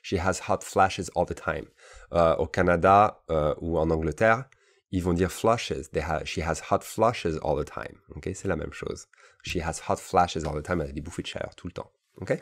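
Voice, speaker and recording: A man teaching English to French speakers, explaining in French, then saying each English phrase slowly and repeating it, with frequent casual checks. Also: deep voice. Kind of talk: bilingual language lesson.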